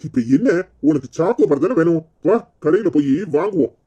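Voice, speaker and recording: A voice actor playing a gentle, placating old village grandfather with a Kanyakumari Tamil accent in a cartoon. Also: medium pitch, fairly quick, breathy edge. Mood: soothing. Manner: calm, placating. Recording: dull lo-fi audio.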